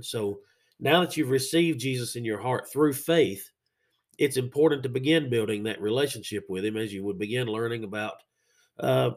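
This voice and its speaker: Male faith-show host, raspy and under the weather with sinus trouble, plain conversational sermon delivery. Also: mid-range voice. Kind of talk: sermon-like devotional teaching.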